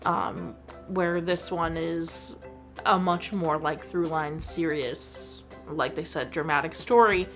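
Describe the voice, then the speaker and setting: A woman's voice: deep voice, slow pace, fairly bright tone, soft background music. A woman hosting her own show, giving a chatty, enthusiastic movie review full of "like.". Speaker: host.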